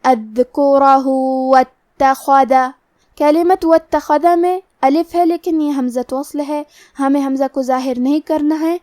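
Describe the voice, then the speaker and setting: A woman with a high voice teaches Quran recitation, explaining each rule methodically, word by word. The sound is dry and close, with no room echo. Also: fairly even intonation, warm tone. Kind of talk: tajweed lesson.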